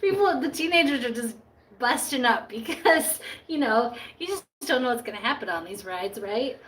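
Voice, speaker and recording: High-voiced woman, lively and laughing. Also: normal speed, recorded from a distance. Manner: lively, laughs often, cuts in. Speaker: co-host. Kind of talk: casual storytelling chat.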